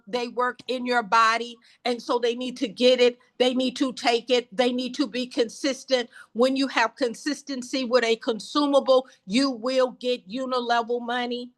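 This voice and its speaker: A woman in her seventies drives a team meeting with a sermon-like rhythm, repeating her lines for emphasis. Her voice runs a little high and bright. She sounds like she is talking into a computer on a video call. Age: 70s. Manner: emphatic, repetitive, preacher-like cadence. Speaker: business team leader. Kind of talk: motivational sales call.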